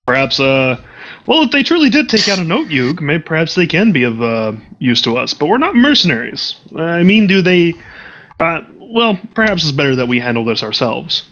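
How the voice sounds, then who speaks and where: A man's voice: on the high side, big pitch swings, moderate pace, fairly bright tone, lo-fi sound. A man voicing a pompous, fussy male guild leader in a tabletop game, formal and full of hesitations.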